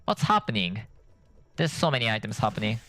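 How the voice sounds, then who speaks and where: Man, gameplay commentary, sleepy, rambling, self-correcting, bright tone. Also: on the low side, very animated, fairly quick, no room sound, soft background music. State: tired from lack of sleep. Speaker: gameplay streamer.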